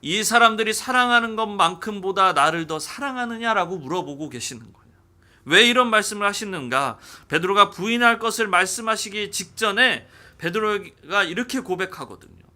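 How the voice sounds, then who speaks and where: Bright high-voiced male pastor. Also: brisk. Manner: animated, acting out dialogue in quotes. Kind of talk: sermon.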